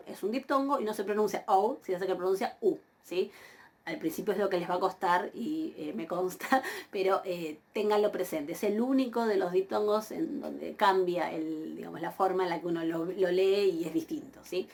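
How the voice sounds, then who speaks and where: A woman giving a recorded university lesson on Greek pronunciation. She repeats each word slowly and keeps checking with her students. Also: mid-range voice, darkish tone. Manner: patient, repeats words slowly with frequent "¿sí?" checks. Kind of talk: recorded lecture.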